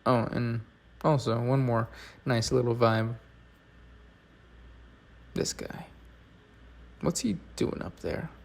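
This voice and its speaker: A storm chaser recording himself on a phone while driving, talking in a halting, rambling, reflective way with many fillers. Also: male voice, mid-range voice, creaky. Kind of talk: solo vlog while driving. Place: inside a moving car. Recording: loud road noise, mic at a distance. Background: loud car and road noise.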